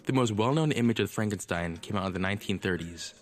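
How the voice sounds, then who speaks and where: A man giving scripted list-video narration in a measured, informative way. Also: fairly low pitch.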